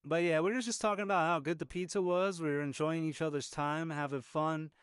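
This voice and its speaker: A man's voice: on the high side, steady tone, fairly quick, clean tone, no echo, studio quality. A man telling how a meal went in casual, conversational voice-over, chatting with plenty of fillers. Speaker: food reviewer. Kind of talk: casual voice-over narration over footage.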